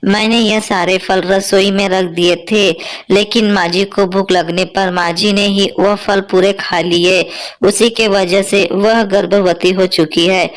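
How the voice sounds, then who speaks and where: A woman voicing a dutiful, excitable young daughter-in-law in a cartoon story, chatty and exclaiming. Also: medium pitch, takes it slowly, lightly acted.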